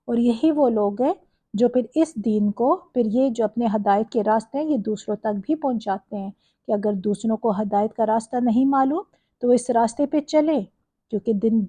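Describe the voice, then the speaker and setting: A woman's voice: fairly high pitch, mellow, slightly rough, no room sound. A woman giving a Quran commentary lecture, explaining verse by verse with small stumbles. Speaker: religious lecturer.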